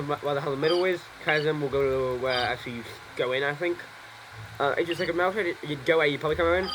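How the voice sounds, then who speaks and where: A young man casually commenting on his gameplay, rambling and excitable, swearing often. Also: fairly high pitch, noisy background. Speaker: gaming YouTuber. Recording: voice over loud game music.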